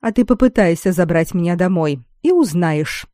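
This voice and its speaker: A woman's voice: lowish voice, animated, moderate pace, mellow, no echo, studio quality, close to an everyday voice. A woman reader voicing a proud, defiant young noblewoman who answers back sharply and with sarcasm.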